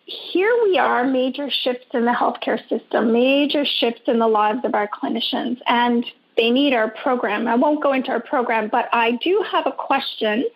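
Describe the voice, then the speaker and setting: A woman's voice: fairly high pitch, slightly rough. A woman from Canada calling into a radio show over a phone line, asking an earnest, rambling question. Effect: caller heard over a phone line into a radio show. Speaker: caller. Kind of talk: call-in question to a radio host.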